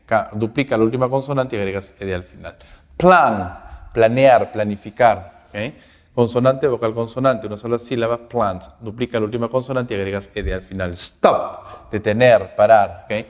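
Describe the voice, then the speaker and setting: A man's voice: fairly low pitch, long reverb tail. A male English teacher with a Peruvian Spanish accent gives a class lecture, repeating rules and checking in with "¿ok?" after each point. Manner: checks in constantly with "¿ok?" and "¿ya?"; repeats rules and slows down to read English aloud.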